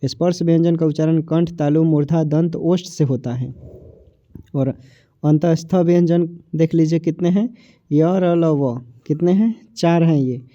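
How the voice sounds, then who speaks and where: A man with a Bihari Hindi accent gives an exam-prep grammar lesson in a fairly high yet very dark, mellow voice, speaking a little slowly. He repeats his points, asks and answers his own questions, and drags out sounds as he says them. The recording is dry and a little dull, like a lo-fi mic.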